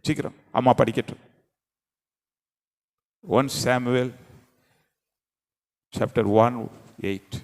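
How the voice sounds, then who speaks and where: A man preaching a sermon as pastor, slow and emphatic, repeating his phrases. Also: mid-range voice, fairly even intonation. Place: church. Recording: church hall reverb.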